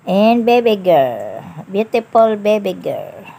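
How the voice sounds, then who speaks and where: A woman, a babysitter filming herself as she coos and hushes a toddler in soft baby talk that drifts into English. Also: medium pitch, sing-song, slow pace, vocal fry, slightly rough. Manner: mixes English words into her talk. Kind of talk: vlog, talking to a toddler.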